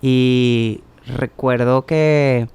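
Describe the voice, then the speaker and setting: A smooth-voiced man in the mid range, a podcast co-host and church musician, chats casually while sharing a personal testimony. He tells the story with animation, drawing out his words and acting out the quoted dialogue.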